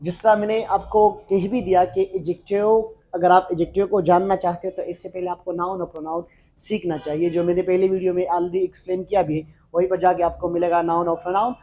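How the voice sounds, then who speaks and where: Teaching an English grammar lesson in a blend of Hindi and English, this man speaks with a high-pitched, dark voice. He explains slowly, goes over his points again, and uses plenty of fillers.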